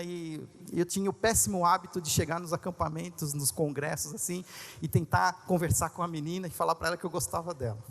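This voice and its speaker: A man pastor telling a personal story in a sermon, animated and conversational, with asides to the crowd. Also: high voice. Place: large congress hall. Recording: long reverb of a large hall.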